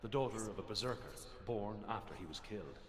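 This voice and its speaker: Man acting a grave, echoing low-voiced storyteller. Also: animated, fast talker, slight background noise, natural voice. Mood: solemn storytelling. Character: grave male storyteller spirit recounting Norse legends. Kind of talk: dramatic narrated storytelling in a video game. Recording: echoing reverb over loud ambient game sound.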